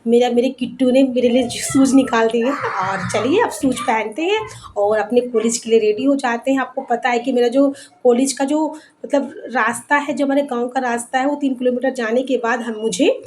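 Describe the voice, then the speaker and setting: A woman's voice: a little high, steady tone, normal speed, darkish tone, a little hiss or hum. A young woman from Bihar, vlogging in a chatty way and often repeating words as she thinks. She walks along an outdoor village road and sometimes sounds out of breath. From Bihar, India. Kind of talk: casual vlog chat.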